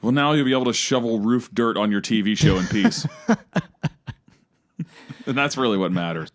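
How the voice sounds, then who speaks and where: A man's voice: medium pitch, moderate pace. A young man co-hosting a podcast, riffing sarcastically in casual chat. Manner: sarcastic, riffing with mocking impressions. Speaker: podcast co-host. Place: studio.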